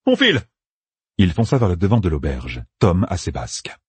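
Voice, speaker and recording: A man narrating a fantasy audiobook with expressive storytelling. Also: sits low, a little fast, slightly rough, no room sound. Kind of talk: scripted narration.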